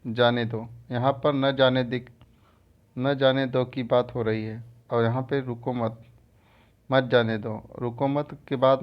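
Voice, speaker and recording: A man teaching a grammar lesson over a screen recording, explaining slowly and repeating terms. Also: mid-range voice, dull audio. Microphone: phone or screen recorder mic.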